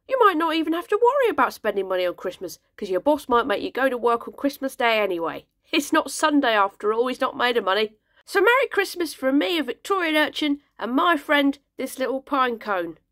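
A woman's voice: sits high, animated, fairly quick, a bit bright, no room sound, clean studio sound. A woman playing a cheerful, morbid Victorian urchin, breezily delivering grim comic tips. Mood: chirpy. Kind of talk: comic sketch monologue.

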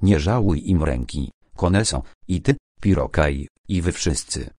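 Man reading as a quiet, drawn-out old sorcerer. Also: very deep voice, animated, breathy edge, no echo, clean studio sound, exaggerated voice. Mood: stern, calm.

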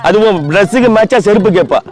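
A man's voice: high voice, expressive, fast, faint music behind. A man, pleading dramatically outdoors in a public prank about heartbreak. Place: outdoors by a lake.

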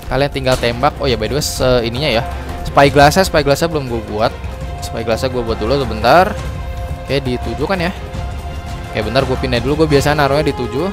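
A young gaming channel host with a medium-pitched voice runs a casual gameplay tutorial over background music. He's chatty and upbeat, says "guys" constantly to his viewers, and quickly apologizes and laughs off his own slips.

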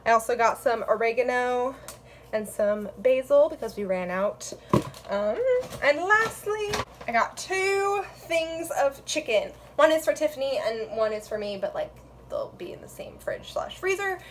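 A woman's voice: a little high, lively intonation, measured pace. Young woman vlogger, chatty and rambling, phone mic in a home kitchen with faint hiss. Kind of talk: casual vlog chat. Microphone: phone camera.

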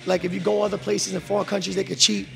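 A man in his twenties, a professional boxer, answering interview questions in a relaxed, slangy way with a handheld mic in a boxing gym. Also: high-pitched, fast, creaky. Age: 20s. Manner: relaxed, street slang, many "bro" and "um". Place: boxing gym beside a ring, indoors.

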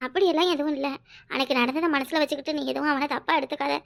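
Someone doing a sweet old cartoon mom, high and bright, gentle, kanyakumari tamil accent. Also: steady tone, rapid-fire, vocal fry. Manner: gentle, reassuring. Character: kind old village mother, soft and giving. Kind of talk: cartoon voice acting.

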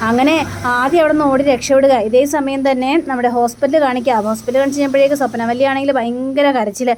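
Woman, high pitch, casual serial recap, acts out dialogue, faint hum behind. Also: steady tone, fast, a little mellow. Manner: acts out characters' lines in quotes while narrating, with fillers. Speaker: serial episode reviewer. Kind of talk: casual retelling of a TV serial episode.

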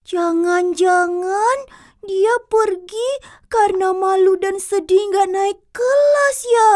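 A woman voicing a cheerful young village boy, speaking in a slow, sing-song childlike way in a children's TV drama. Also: very high-pitched, a little mellow. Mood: worried.

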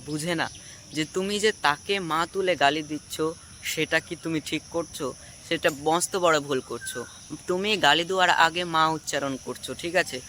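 A man giving a moralizing vlog monologue, lecturing viewers and often checking in with a quick "all right?". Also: high-pitched, sharp tone, slight background noise. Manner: preachy, keeps asking "ঠিক আছে?". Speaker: vlogger.

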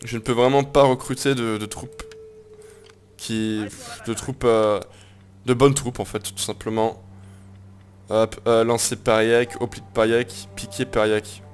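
A man's voice: medium pitch, level tone, measured pace, faint music behind. A man giving casual let's-play commentary on a strategy game, joking around, coining silly made-up words and swearing now and then. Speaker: gameplay commentator.

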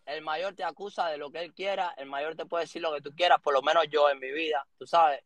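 A man in his thirties from Cuba with a Cuban accent, telling a story as an interview guest in lively street slang. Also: on the high side, fairly quick, no room sound. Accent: Cuban Spanish. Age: 30s. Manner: animated street slang, acts out quotes.

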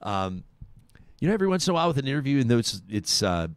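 A man in his forties hosts a live radio show from a studio, speaking close to a microphone in dry, dead sound. He is earnest and reflective and sometimes restarts his sentences. His pitch sits in the middle range. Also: big pitch swings, quick pace, smooth, dry recording. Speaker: radio talk show host. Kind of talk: live talk show interview and ad reads. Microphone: studio microphone with headphones.

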